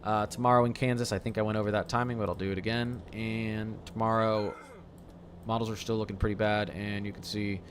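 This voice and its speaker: A man with a fairly low voice hosts live severe weather coverage. He talks haltingly, doubling back on phrases and correcting himself. There is a slight noise in the background. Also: level tone.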